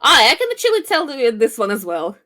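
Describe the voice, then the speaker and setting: A woman's voice: fairly high pitch, wildly swooping pitch, a little fast, sharp tone. A young woman with a Russian accent, telling stories casually and bluntly in informal speech. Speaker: viewer telling a story on a call-in show. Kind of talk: casual storytelling.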